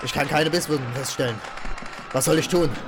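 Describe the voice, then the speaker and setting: A man's voice: on the high side, fairly quick, a crowd in the background, background noise, pitched below the performer's own voice, natural voice. A man playing a hesitant young soldier who reluctantly reports to his captain in a dramatic skit. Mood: uneasy. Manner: pleading, reluctant.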